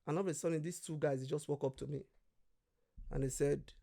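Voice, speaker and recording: A man's voice: on the high side, steady tone, fairly quick, creaky, mellow. A man from Nigeria, a guest in casual conversation, telling stories animatedly, acting out quoted voices and swearing freely.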